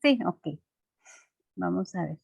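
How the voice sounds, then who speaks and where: A woman's voice: fairly low pitch, lively intonation, takes it slowly, creaky, slightly rough, dry recording. Woman teacher explaining patiently to kids, keeps asking if they follow, dry muffled audio. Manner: checks in with frequent rhetorical questions; patient, simple teaching to children. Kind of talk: classroom explanation.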